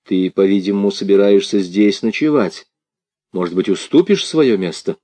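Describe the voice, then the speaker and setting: A bold young man who answers curtly and with a challenging edge, as a man reading a novel voices him. The voice is low and expressive, recorded close and dry. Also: normal speed, no echo. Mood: bitter.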